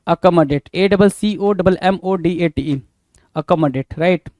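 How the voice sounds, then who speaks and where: A man's voice: sits high, a little mellow, no room sound. A male teacher spells words letter by letter, repeating each one and marking the correct answer as he calls out to his students. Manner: brisk, addresses students as "bhai". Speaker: English teacher.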